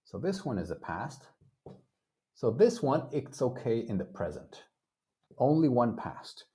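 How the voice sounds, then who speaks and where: Slow, animated man teaching English. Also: mid-range voice, slightly rough. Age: 30s. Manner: encouraging, praises students often; repeats and drills phrases. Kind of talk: live online language lesson.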